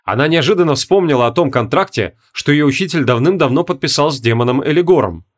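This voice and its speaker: A man narrating a fantasy audiobook in an expressive, animated reading. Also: a little high, fast. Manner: animated, voices characters.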